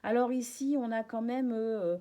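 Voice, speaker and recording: A woman gives a casual tarot reading in a fairly high voice. She talks gently and reassuringly, and her sentences are full of small hesitations. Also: steady tone, a little slow. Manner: gentle, reassuring, frequent fillers and soft laughs. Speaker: tarot reader.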